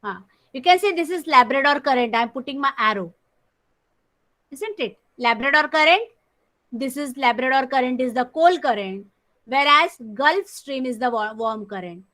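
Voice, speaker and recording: A woman with a Marathi accent teaches slowly in an online class, recorded from the call on screen. She has a high-sitting, expressive voice that sounds pushed and bright, and she often clears her throat while going over key terms repeatedly.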